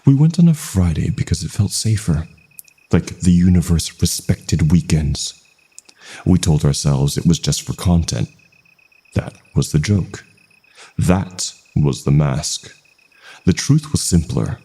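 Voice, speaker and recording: A man reads a scripted first-person horror story in a measured, brooding way. His gravelly voice rumbles low, with a dark tone and an animated delivery.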